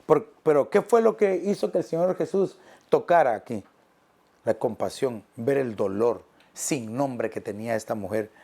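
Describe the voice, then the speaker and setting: Man, pastor, sermon, earnest, middling pitch, slow drawn-out phrases sinking low. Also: animated, gravelly, dark tone. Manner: earnest, pastoral, addressing listeners as brother.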